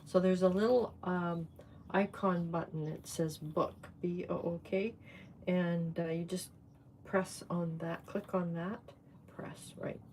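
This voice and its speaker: A woman speaks in an unhurried, rambling way while she shows off her garden. She is filming herself on a handheld phone outdoors, and her voice sits slightly low. A faint outdoor ambience runs underneath. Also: steady tone, a little mellow, slight background noise. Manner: chatty, rambling, fond of her plants. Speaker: host. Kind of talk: casual livestream chat and garden tour. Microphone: phone held in hand.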